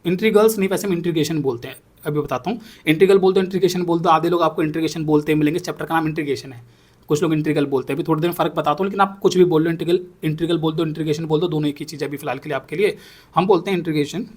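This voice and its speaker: A man's voice: fairly high pitch, very fast, darkish tone, breathy edge. A young man teaching a maths class, explaining step by step and checking in often with his students. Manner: repeats himself, checks in with "ठीक है ना". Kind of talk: explaining on a whiteboard.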